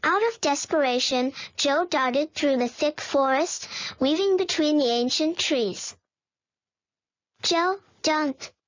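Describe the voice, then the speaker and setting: Brief: a woman narrator for a children's storybook, slow and unhurried, reads the sound words flatly. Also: high-pitched, highs cut off. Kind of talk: first-person storybook narration.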